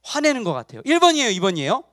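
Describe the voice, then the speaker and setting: Man preaching to kids, super high voice that bounces all over, keeps asking them stuff. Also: very fast, no echo, studio quality. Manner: animated, asks children questions. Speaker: junior pastor. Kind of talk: children's sermon.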